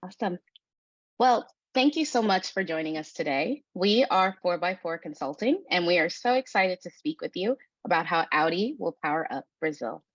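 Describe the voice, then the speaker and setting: A woman's voice: fairly low pitch, expressive, moderate pace, dry recording, muffled recording. A young woman giving a rehearsed business presentation as a student consultant.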